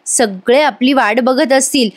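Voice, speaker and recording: A woman acting out a devoted young wife, earnest and insistent. The voice sits fairly high and stays close to the narrator's own, read as part of a voice-over recap. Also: measured pace.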